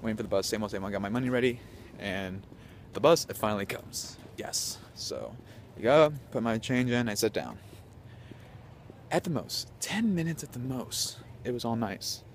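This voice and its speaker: A man's voice: mid-range voice, moderate pace, slight background noise. Hyper young man vlogging at night. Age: young adult. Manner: hyper, animated, swings between loud and whispering. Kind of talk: casual storytelling vlog. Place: outdoors on a city street at night. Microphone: handheld camera at arm's length.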